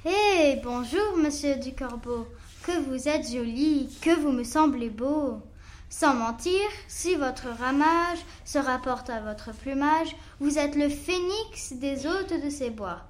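A woman voicing a sly male fox in a recited fable, sweetly flattering. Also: sits high, slow pace. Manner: sweet, flattering then mocking.

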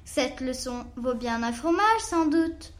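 A woman voicing a sly male fox in a recited fable, sweetly flattering. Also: high voice, takes it slowly. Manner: sweet, flattering then mocking.

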